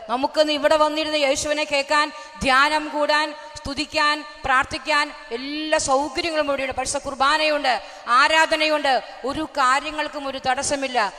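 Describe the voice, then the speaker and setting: A woman's voice: sits high, level tone, normal speed, bright, forceful tone. A woman, preaching a fervent sermon at a retreat. She often raises her voice and puts questions to the crowd. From Kerala, India. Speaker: lay preacher. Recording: echoey hall recording.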